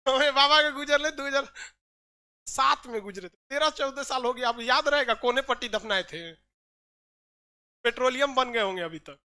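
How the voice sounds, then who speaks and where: A woman's voice: high-pitched, measured pace, pauses often, pushed and bright. A woman teacher running an exam-prep lesson, quizzing students with repeated questions and joking asides.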